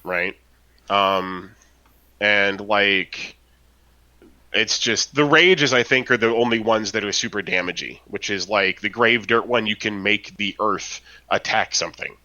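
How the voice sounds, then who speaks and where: A man with a lowish, bright, forceful voice talks loosely on a podcast. He rambles through rules, full of "like" and "right?", in a relaxed, chatty way. His delivery is meandering and eager. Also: unhurried, highs cut off. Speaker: podcast co-host. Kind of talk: casual chat about a role-playing game.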